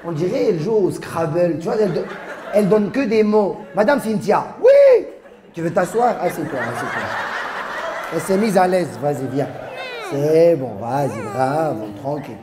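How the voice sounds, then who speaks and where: A man's voice: on the high side, lively intonation, normal speed, warm tone. Teasing male stand-up comic, roomy hall. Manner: teasing, chuckling through lines. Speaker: stand-up comedian. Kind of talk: live crowd-work banter. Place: comedy stage before a live audience. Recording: roomy live hall with crowd noise.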